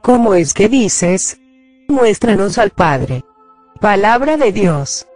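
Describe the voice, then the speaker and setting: A mid-pitched reader reads scripture in a formal, steady voice. The sound is dry and close, with faint music underneath. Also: slow, no echo. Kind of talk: reading scripture passages.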